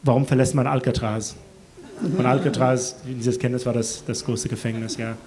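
A New York City man with an American accent, who organises a concert series and works as an interpreter, explains things informally in an interview. His first language is English, yet he is described as a non-native speaker with slightly unidiomatic phrasing. His medium-pitched, darkish voice moves a little fast with little pitch variation.

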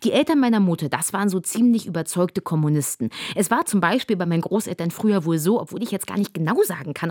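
A woman's voice: medium pitch, dry recording, clean studio sound. A woman in her twenties telling her family history in a chatty, rambling monologue, often correcting herself. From Germany. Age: 20s. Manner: chatty, rambling, self-interrupting. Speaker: narrator and performer. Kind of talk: documentary stage monologue.

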